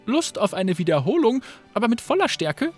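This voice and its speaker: A woman's voice: fairly high pitch, very animated, normal speed, faint music behind. A woman voicing a battle-hungry female fighter in a video game, who sounds cheerful while saying menacing things. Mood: teasing.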